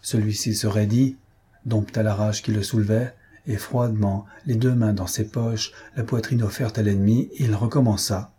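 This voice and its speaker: Guy narrating an audiobook, low mellow voice, super smooth, dramatic reading. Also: fairly even intonation, normal speed. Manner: dramatic reading, voicing characters lightly. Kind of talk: scripted narration.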